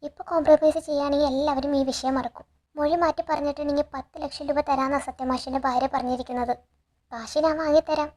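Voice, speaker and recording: Woman reading scheming persuader, young woman, quick high delivery. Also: flat delivery, darkish tone, natural voice. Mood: persuasive.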